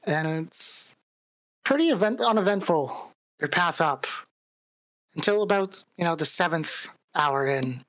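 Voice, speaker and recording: A woman narrates a tabletop adventure as dungeon master, in a low yet bright, forward voice. She talks casually, filling her narration with little asides. The sound is dry and close on a home mic. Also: expressive, a little slow, dry recording, poor audio. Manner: casual, filler-laden narration.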